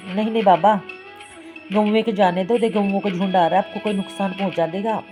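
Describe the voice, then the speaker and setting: A sweet, gentle young boy, a god in disguise, coaxing and pleading softly, as a woman telling the tale quotes him. Instrumental music plays clearly underneath in this devotional storybook telling, the voice sitting at a middling pitch. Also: steady tone, fairly quick, lightly acted.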